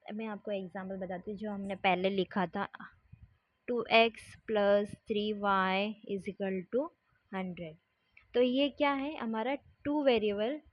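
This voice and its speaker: A woman teaching a maths lesson, explaining step by step and often pausing to check that the class is following. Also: medium pitch, steady tone, no room sound. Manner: patient, repeats "ठीक है" to check along. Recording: dull lo-fi sound.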